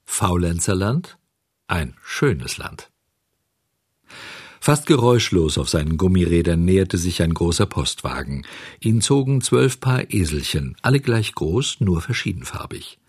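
Lively, husky male storyteller. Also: low voice, no room sound, clean studio sound. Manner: lively, expressive telling. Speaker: narrator. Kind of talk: storybook reading.

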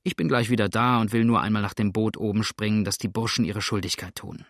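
A man voicing a rough, bossy male river pirate who talks gruffly and gives orders, in an audiobook reading. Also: fairly low pitch, fairly even intonation, fast talker, fairly bright tone, no echo, clean studio sound. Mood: gleeful, bossy. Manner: gruff, commanding.

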